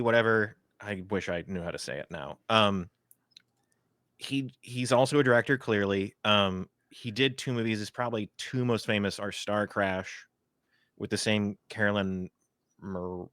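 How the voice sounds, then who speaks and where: Man, podcast co-host, low voice, rambling casual film chat, dry close sound. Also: unhurried, fairly bright tone, no echo. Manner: rambling, many fillers and asides.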